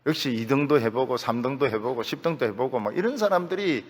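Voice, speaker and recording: A man's voice: mid-range voice, lively intonation, brisk. An older man with a Gyeongsang accent preaching a sermon as pastor, folksy and joking, repeating his key phrases. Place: church sanctuary. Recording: church hall reverb.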